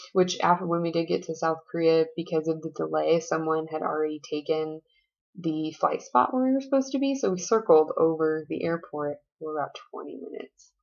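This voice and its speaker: A woman's voice: deep voice, moderate pace, creaky, dull audio. An American woman in her twenties, chatty and playful, narrating a casual travel diary. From United States. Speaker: vlogger.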